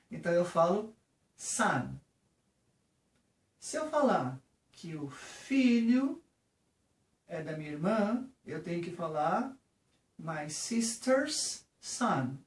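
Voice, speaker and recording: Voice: mid-range voice, a little mellow. A teacher with a Brazilian Portuguese accent giving a patient lesson on English vocabulary, often checking in with the viewer. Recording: roomy, from a distance.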